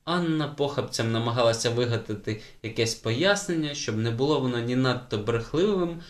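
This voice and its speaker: A man narrating a children's audiobook with lively, varied emphasis. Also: medium pitch. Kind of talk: scripted narration.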